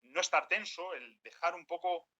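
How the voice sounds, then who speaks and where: A man leads a workshop talk for a group, his tone strikingly bright and forward. He often acts out what people might say. The recording sounds dull and lo-fi. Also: high voice, moderate pace. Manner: acts out quoted speech, animated. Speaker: workshop speaker. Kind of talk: lecture to a group.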